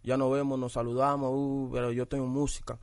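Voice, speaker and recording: A man's voice: mid-range voice, little pitch movement, fairly quick, darkish tone, dry recording, clean studio sound. A young man, a rapper guest in a casual interview, talking bluntly and toughly with repeated tag questions.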